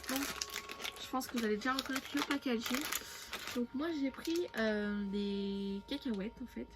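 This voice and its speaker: Chatty young woman over background music. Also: a little high. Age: young adult. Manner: chatty, rambling, many fillers and restarts. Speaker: beauty vlogger. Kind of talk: casual haul video. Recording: music playing behind.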